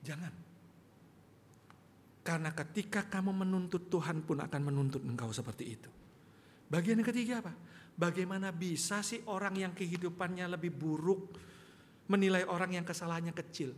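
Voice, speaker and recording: Speaking at a moderate pace with long pauses, this pastor's voice sits high, and a little hiss or hum is audible. He delivers a conversational sermon in a church sanctuary, peppering the congregation with rhetorical questions amid reverberant hall sound and faint ambience.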